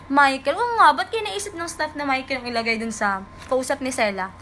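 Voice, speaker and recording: A young woman from the Philippines talks in a casual livestream chat, polite and chatty as she reads out comments from fans. Her voice sits high, with a bright, crisp tone. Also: fairly quick, slight background noise, rough recording.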